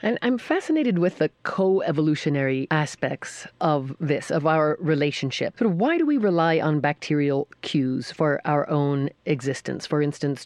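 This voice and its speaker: A woman's voice: low-pitched, a little mellow, no echo. Curious female interviewer, dry sound. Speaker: science radio interviewer. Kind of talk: conversational interview questions.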